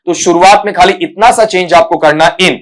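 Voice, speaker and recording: Guy teacher with a fairly high voice, patient and repetitive, breaks words into sounds slowly. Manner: patient, repetitive, calls students "beta"; slows to sound out each speech sound. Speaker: English teacher for competitive exams. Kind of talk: explaining a lesson to exam students.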